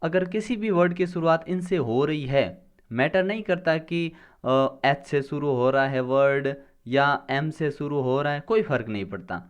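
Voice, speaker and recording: Teaching a grammar lesson for an exam, a man explains things step by step, poses questions and answers them himself, and sounds words out slowly. His voice is on the high side, expressive and clean-toned, though the recording is lo-fi.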